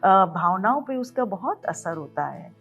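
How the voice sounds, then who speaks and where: A middle-aged woman, a counsellor who explains things calmly in an interview and mixes English phrases into Hindi. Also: medium pitch, a little slow, slightly rough, narrow, tinny audio, faint music behind. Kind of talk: conversational interview.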